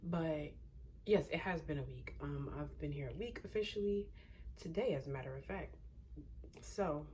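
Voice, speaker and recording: A woman's voice: sits low, normal speed, a little mellow, a little hiss or hum. A young adult woman who is pregnant, chatting casually and rambling in a vlog, a little short of breath, sometimes dropping to a near whisper. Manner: chatty, rambling, laughs often, drops to a near whisper at times. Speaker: pregnancy vlogger.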